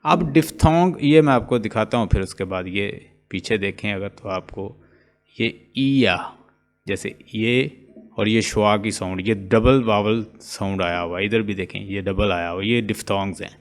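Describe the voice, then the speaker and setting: A man teaching an online phonetics lesson, explaining step by step and slowly drawing out example sounds. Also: on the low side. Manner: slow, explaining step by step, mixing English terms into speech; repeats and drawls out example sounds. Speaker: English linguistics teacher. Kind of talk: online lecture.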